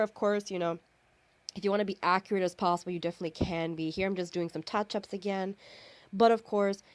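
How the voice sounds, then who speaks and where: A woman's voice: mid-range voice, darkish tone, no echo. A woman narrating her own face-paint tutorial in a chatty, informal way, often correcting herself and using fillers. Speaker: makeup artist. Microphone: camera and phone.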